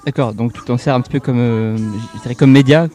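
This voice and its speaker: A man hosting a live radio interview from an outdoor festival, relaxed and casual, laughing easily. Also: mid-range voice, fast, faint music behind. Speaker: radio host.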